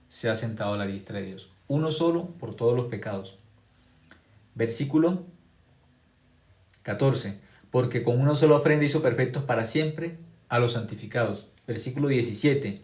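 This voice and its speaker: A male preacher delivers a sermon with strong emphasis, repeating key phrases. He moves between loud exclamations and quiet, low remarks. His voice sits at a medium pitch and rings in a roomy, echoing space. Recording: echoey room.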